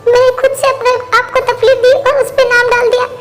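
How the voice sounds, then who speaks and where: A woman's voice: extremely high pitch, flat delivery, brisk, soft background music. A woman voicing a remorseful young woman who pleads through tears in a fan-dubbed drama. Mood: pleading. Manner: pleading, apologetic. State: crying. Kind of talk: Hindi fan-dub voice acting.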